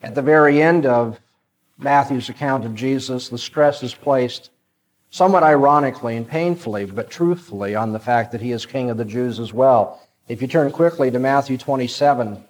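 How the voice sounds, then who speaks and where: A man preaching a sermon and reading scripture aloud, measured and emphatic, dropping to a hushed tone on key phrases. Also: medium pitch, rough recording.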